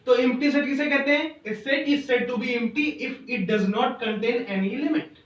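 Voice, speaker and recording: A man's voice: extremely high pitch, fairly bright tone. A young man teaching a math lesson, dictating definitions word by word and quizzing students with questions he answers himself. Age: young adult. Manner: dictates definitions slowly word by word, repeating phrases; asks students rhetorical questions and answers them. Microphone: phone mic. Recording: echoey room, distant dull phone mic.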